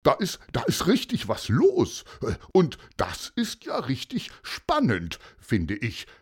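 A man's voice: medium pitch, huge pitch swings, takes it slowly, slightly rough, voice pushed up, exaggerated voice. A man voicing an enthusiastic friend who explains things in a children's story. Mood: excited. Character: eager grown-up friend explaining the body.

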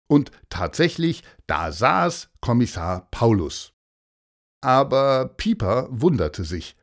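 Slow, expressive male story narrator. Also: mid-range voice. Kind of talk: children's story reading.

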